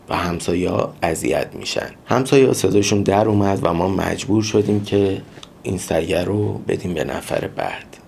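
A man's voice: low voice, gravelly, a little mellow, a little hiss or hum. A man hosting a podcast, telling a personal story in an informal, reflective and earnest monologue. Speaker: podcast host.

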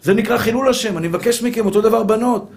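A man, a rabbi, preaching a fervent sermon that repeats its points, stumbles on restarts and calls his listeners brothers. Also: sits high.

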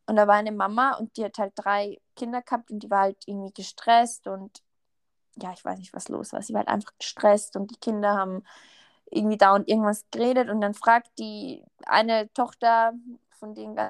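A woman's voice: medium pitch, little pitch movement, moderate pace, clean tone, no echo, studio quality. A young woman with an Austrian accent chatting casually as a podcast co-host, telling stories with many fillers and a note of indignation. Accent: Austrian German. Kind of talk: casual chat.

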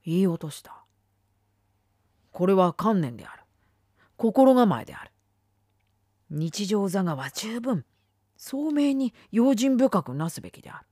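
A woman reading a literary essay aloud, dramatic, swinging between firm declarations and hushed whispers. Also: medium pitch, sing-song, measured pace, long pauses, husky, no room sound, studio quality. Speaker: reader.

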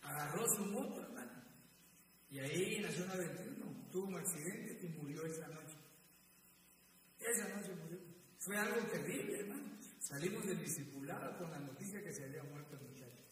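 A man's voice: fairly high pitch, lively intonation, normal speed, a little hiss or hum. A middle-aged man preaching a sermon in a church hall, often calling the listeners brother and repeating his words. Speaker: pastor. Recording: echoey hall, mic at a distance.

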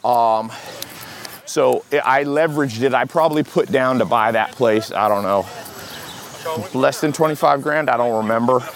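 An American man hosting a podcast in casual solo talk while walking briskly outside. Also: medium pitch. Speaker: podcast host. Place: outdoors in a city park, on the move. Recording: outdoor city noise, traffic hum. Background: street and outdoor city ambience with vehicles.

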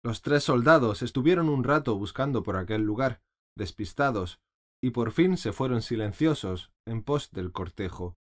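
Male audiobook narrator, animated lilting delivery, mid-pitched storybook reading. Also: normal speed. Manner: expressive reading.

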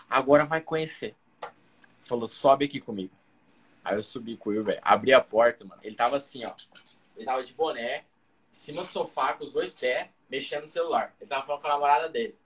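A man's voice: medium pitch, fairly bright tone, breathy edge. A young man from Cuiabá, a guest comedian, telling a long story in casual slang and acting out the other people in it. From Cuiabá, Brazil.

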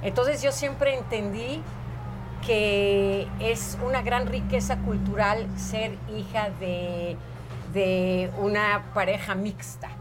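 Brief: woman in her sixties, lively storyteller who stretches her words, music underneath. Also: medium pitch. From Portugal, raised in Israel. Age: 60s. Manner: animated, drawn-out storytelling, laughs easily. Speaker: actress, interview guest. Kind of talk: casual interview storytelling. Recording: music playing behind the voice.

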